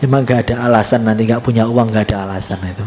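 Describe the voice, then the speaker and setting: A man with a Javanese Indonesian accent preaching a storytelling sermon to a congregation, swinging between high exclamations and low murmured asides, and sometimes chanting short devotional phrases. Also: steady tone, very fast, darkish tone, big-room sound, a little hiss or hum.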